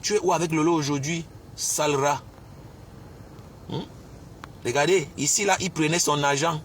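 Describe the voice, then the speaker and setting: A man's voice: a little high, steady tone, normal speed. A man ranting on a live stream, insulting and taunting someone with repeated scornful questions. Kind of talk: angry rant on a live stream. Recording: outdoor street noise with traffic.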